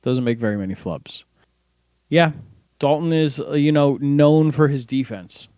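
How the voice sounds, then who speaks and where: Male podcast co-host, casual, animated storyteller, higher voice, dry close mic. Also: a little slow, clear, resonant tone, no room sound. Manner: animated storyteller, laughs while telling. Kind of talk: casual sports podcast chat.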